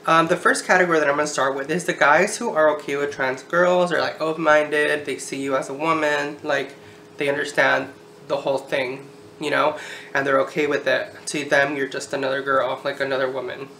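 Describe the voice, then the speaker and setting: A thirty-year-old woman vlogs to a camera on a tripod, chatting candidly and informally, sometimes swearing. Her voice sits low and steady, fairly bright, at a fairly quick pace, with roomy echo and background noise in the recording.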